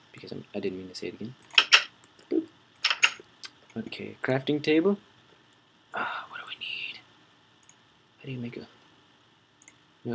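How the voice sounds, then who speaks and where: A man's voice: lowish voice, creaky, darkish tone, slight background noise. A young man hosting a gaming channel, rambling and correcting himself as he comments on his play and talks to viewers.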